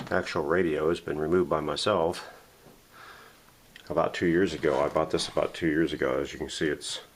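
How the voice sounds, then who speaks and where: The host of a vintage radio restoration channel, a man with a rumbling low voice, gives a casual, unscripted workshop show-and-tell in a folksy, self-deprecating manner. He records indoors at home on a camera mic, with a little hiss or hum.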